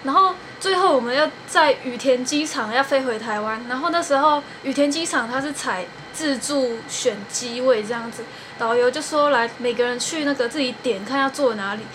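Young female podcast host, bright and high, giggly storyteller, faint fan hum behind. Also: fairly quick. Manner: giggly storytelling, laughs often. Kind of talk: casual chat.

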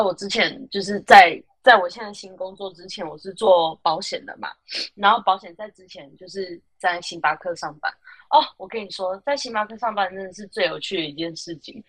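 A woman with a Taiwanese Mandarin accent spins funny work stories on a casual podcast, her voice sitting at an ordinary middle pitch. She is animated and slips into the voices of the customers and friends she describes. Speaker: podcast host. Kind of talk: casual storytelling chat.

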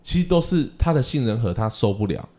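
A young man co-hosting a casual podcast, a music teacher who tells animated stories about students and mimics crying kids. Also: fairly quick. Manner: animated storytelling, acts out crying kids in a high voice.

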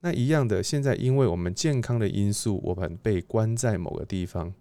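A man giving a devotional Bible talk, halting, with frequent filler pauses. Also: on the low side, warm tone, smooth, no room sound. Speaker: preacher.

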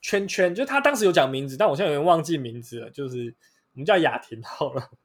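Give me a young man with a Taiwanese Mandarin accent rambling bluntly on a solo podcast, fairly high voice. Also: animated, fast. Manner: blunt, swearing, rambling with many fillers. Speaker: podcast host. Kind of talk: casual solo podcast monologue.

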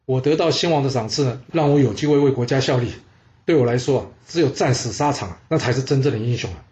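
A man's voice: medium pitch, quick pace, darkish tone, muffled recording, lightly acted. A man voicing a bold, stubborn old general who talks in a brash, insistent way.

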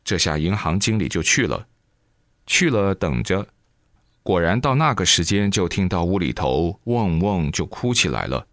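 A man reciting a sermon as a lively folksy story full of exclamations, close to the mic. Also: deep voice, moderate pace, dry recording.

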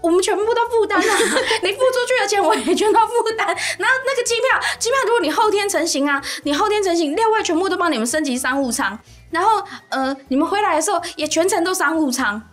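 A woman's voice: very high voice, animated, fast, a bit bright, faint music behind, voice pushed up. A woman playing a fawning male travel agency manager who is overly polite and eager to settle. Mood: wheedling.

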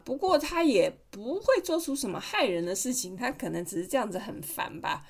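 A woman's voice: fairly high pitch, very animated, brisk, gravelly, slightly rough. A mother reading a picture book to her kids on a podcast, playful and chatty, often asking them questions. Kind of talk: storybook read-aloud podcast.

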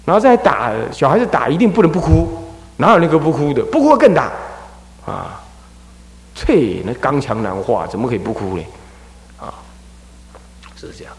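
A man from Taiwan, a Buddhist abbot, gives an animated dharma lecture and acts out scolding parents and crying children. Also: medium pitch, a little fast. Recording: echoey hall with long reverb.

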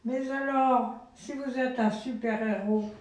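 A woman voicing a big, friendly male animal character in a storybook, speaking loudly and exclaiming, recorded far off in a very echoey room. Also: fairly high pitch, fairly even intonation, unhurried, voice pushed up, close to an everyday voice. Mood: pleading.

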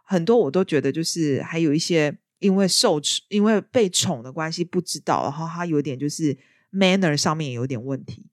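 A woman chatting casually as a podcast host, telling her stories in a lively way. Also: low voice, fairly quick, no echo, clean studio sound. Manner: lively storyteller. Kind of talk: casual chat.

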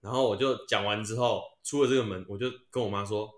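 A young podcast co-host with a Taiwanese Mandarin accent tells self-mocking stories in a casual chat, swearing freely and laughing as he goes. His voice is lowish with fairly even intonation, and he talks fast. The room is roomy and echoey.

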